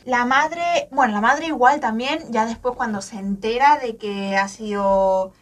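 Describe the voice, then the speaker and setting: A woman guesting on a podcast, chatting casually with a friend in an animated, emphatic way. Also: a little high, unhurried, recorded from a distance. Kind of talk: casual chat.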